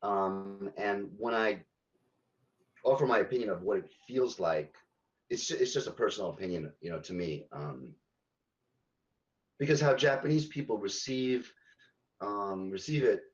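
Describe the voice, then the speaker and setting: A man, a game localization director, answering podcast interview questions haltingly, with many ums and restarts. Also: lowish voice, muffled recording.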